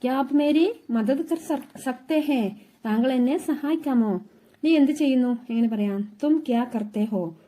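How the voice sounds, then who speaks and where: Mellow woman patiently teaching phrases. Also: high-pitched, a little slow. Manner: repeats each phrase, glossing word by word. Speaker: Hindi teacher. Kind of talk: language lesson, phrase by phrase.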